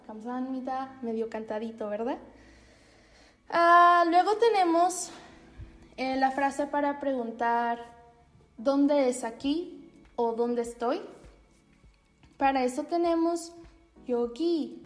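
A young woman with a high voice teaches phrases on a podcast, saying each one slowly and then again. She sounds like she is in an echoey room, with faint music behind her. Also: darkish tone. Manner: slow, repeating Korean phrases clearly for learners. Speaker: Korean language teacher. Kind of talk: podcast lesson.

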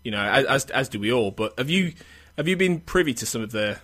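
A male podcast host speaks with an English Midlands accent at a middling pitch. His delivery is hesitant and halting, in the style of a casual discussion. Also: expressive, fairly bright tone.

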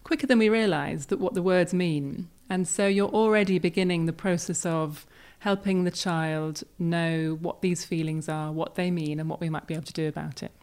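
A woman who is a child and family psychiatrist appears as a guest on a podcast, explaining things warmly and with obvious enthusiasm for research. Her voice is fairly low with fairly even intonation, and she speaks at a normal speed with few pauses.

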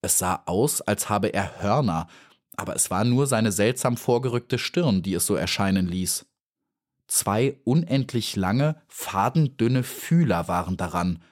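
A man narrating a children's audiobook in a calm, even storytelling manner. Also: lowish voice, a little slow.

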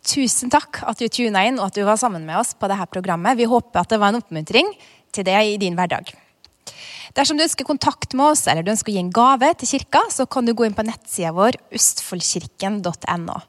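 A woman's voice: mid-range voice, expressive. A woman host giving a friendly closing announcement that thanks listeners and invites them to get in touch.

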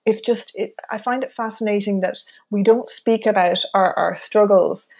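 A woman from County Mayo with a west of Ireland accent, co-hosting a podcast in a reflective, halting, casual way. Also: mid-range voice, fairly even intonation, a little mellow. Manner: thoughtful, halting, repeats words as she searches. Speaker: podcast co-host.

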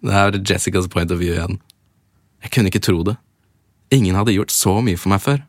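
A man's voice: low voice, no echo, studio quality. A man on a podcast who reads fan fiction aloud in first person and breaks off now and then for jokey comments. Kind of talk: casual chat with dramatic read-aloud.

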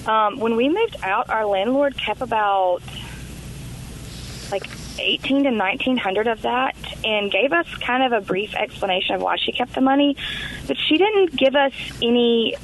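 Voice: medium pitch, animated, normal speed, fairly bright tone, slight background noise. Hesitant caller over a phone line. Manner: hesitant, many fillers. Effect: heard over a phone line. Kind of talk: call-in question on a radio show.

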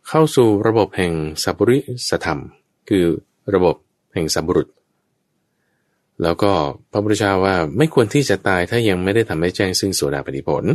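A man's voice: sits low, normal speed, no room sound, studio quality. A man teaching Buddhist Dharma in a conversational way, explaining patiently and checking that his listener understands.

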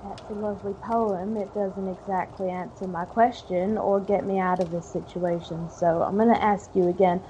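A woman's voice: medium pitch, fairly even intonation, normal speed, hardly any pauses, mellow, lo-fi sound, slight background noise. A woman playing a tabletop game, casually role-playing in a dry, direct way. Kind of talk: casual in-character role-play.

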